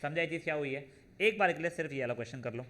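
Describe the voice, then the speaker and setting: A man's voice: on the high side, sharp tone. A man teaching probability to a class, working through formulas step by step and often checking in with his students. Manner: calls students "beta", checks in with "theek hai na"; works through formulas step by step, slowing on them. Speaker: math teacher. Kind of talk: classroom lecture.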